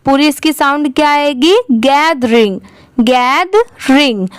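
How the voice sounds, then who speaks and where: A high-pitched woman leads a reading lesson at an unhurried pace. She spells each word out letter by letter and then blends it into the full word, asking the listener questions and answering them herself. Her voice is recorded dry and close, with no room sound. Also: no echo. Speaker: English reading teacher.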